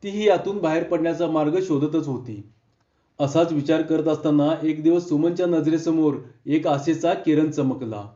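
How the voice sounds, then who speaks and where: A man's voice: fairly high pitch, normal speed, warm tone, roomy sound, lo-fi sound. A man narrating a heartfelt village story, reading all the characters' dialogue himself. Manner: reads every character's dialogue himself with small voice shifts.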